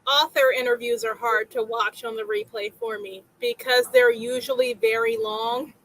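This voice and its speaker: A woman speaks with a high, lively voice that has a gravelly edge and a bright, tense tone. She chats about her own habits in a self-deprecating way on a video call. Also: normal speed, a little hiss or hum, poor audio. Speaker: booktuber on a panel. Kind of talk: casual chat on a live stream.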